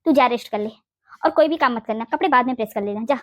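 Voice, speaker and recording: A woman voicing a fiercely protective, sharp-tongued older mother-in-law in a Hindi cartoon, blunt and bossy. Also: fairly high pitch, quick pace, no room sound, clean studio sound, close to an everyday voice. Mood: brisk. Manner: blunt, scolding, makes boastful vows.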